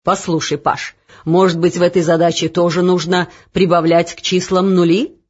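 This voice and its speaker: A woman voicing a pompous, self-assured king in a storybook reading, lower and louder than her narration. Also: little pitch movement, normal speed, slightly rough, dull audio. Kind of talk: audiobook reading.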